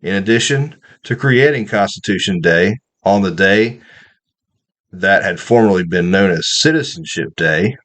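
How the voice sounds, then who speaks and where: A man's voice: low-pitched, animated, unhurried, a bit bright. A man hosting a radio commentary, reading passages aloud and then repeating them with his own remarks and small fillers. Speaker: radio host.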